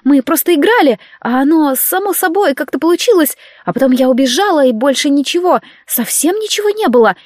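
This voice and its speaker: A woman voicing a naive, excitable young servant girl who chatters breathlessly and pleads. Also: high voice, normal speed, dry recording, studio quality. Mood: eager pleading.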